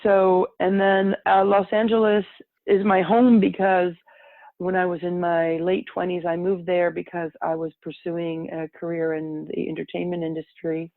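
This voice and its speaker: On a podcast, a middle-aged woman who grew up speaking French recounts her own experiences, drifting reflectively and correcting herself as she goes. Her pitch is fairly low, her delivery flat, and her pace moderate. The audio sounds like a tinny phone call, dry with no room sound.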